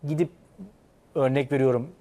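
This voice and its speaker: Mellow-voiced man posing rhetorical questions. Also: medium pitch, steady tone, normal speed. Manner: rhetorical, asks and answers his own questions. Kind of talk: studio panel discussion.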